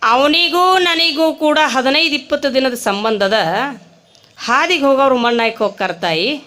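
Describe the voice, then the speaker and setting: A woman's voice: sits high, normal speed, pushed and bright. A woman voicing a persistent old man who pleads for a coin, with a North Karnataka accent. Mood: consoling. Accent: North Karnataka Kannada. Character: poor old man from afar, pestering for a coin.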